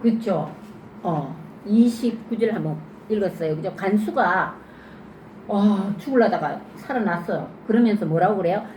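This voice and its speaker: 한 여성이 아이들에게 질문을 던지며 성경 이야기를 생생하게 들려주는 설교를 합니다. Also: female voice, mid-range voice, normal speed. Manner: lively questioning, acts out scenes. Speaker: children's sermon teacher. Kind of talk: interactive Bible sermon for children. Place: church. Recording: echoey church room, faint noise.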